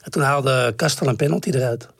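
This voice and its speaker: Husky man telling old stories. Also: mid-range voice, a little fast, no room sound, clean studio sound. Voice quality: husky, voice cracks at times. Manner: rambling storyteller, many fillers and restarts. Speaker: guest, former professional footballer. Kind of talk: casual interview chat.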